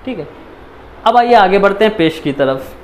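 High-voiced patient male Quran teacher. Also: lively intonation, slight background noise. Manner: patient, repeats syllables slowly, frequent "theek hai". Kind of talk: step-by-step recitation lesson.

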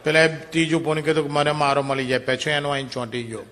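A man with a Gujarati accent telling folk jokes in a lively storytelling manner, acting out the people in his stories. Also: on the high side, quick pace, big-room sound. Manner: lively storyteller, acts out quoted characters.

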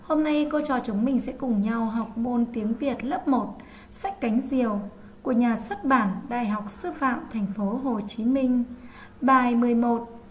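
High-pitched lady teacher going real slow, spelling sounds out for little kids, faint hiss behind. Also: a little mellow. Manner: slow, clear, drawn-out pronunciation of sounds. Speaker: primary school teacher. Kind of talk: online first-grade reading lesson.

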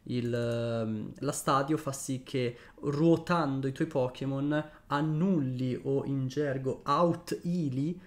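A man's voice: mid-range voice, slow, few pauses. A man streaming a card game, explaining plays in a joking, rambling way full of fillers. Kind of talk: casual gaming stream chat.

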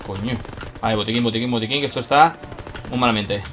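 A young man from Spain with a Spanish accent, commenting on his own gameplay and talking to himself, excitable and swearing often. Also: mid-range voice, fast. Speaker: gaming YouTuber.

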